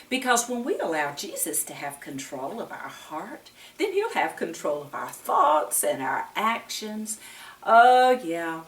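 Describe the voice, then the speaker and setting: Her voice on the low side, a woman runs a storytime for little children, reading and chatting in a sing-song tone and asking them questions; she's a storyteller and Bible teacher. A faint hiss or hum accompanies the echoey, distant-mic recording.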